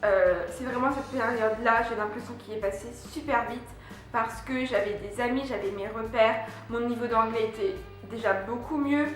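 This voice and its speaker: With a fairly high voice and moderate pace, a young French woman vlogs a casual recap of her year abroad, peppered with fillers and false starts. Faint music sits under the very echoey room sound.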